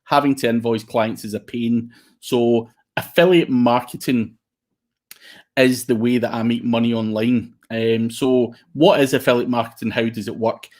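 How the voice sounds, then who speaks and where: A man's voice: mid-range voice, fairly even intonation, moderate pace, a little mellow. A man with a broad Scottish accent giving an informal online presentation in a blunt, plain-spoken way. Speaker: guest speaker, SEO consultant and trainer.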